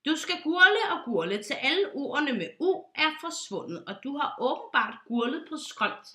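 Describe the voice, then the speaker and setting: A woman voicing a fussy, bossy duck pilot in a read-aloud storybook who scolds in a loud, high, pompous way. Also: big pitch swings, full character voice. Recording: roomy echo.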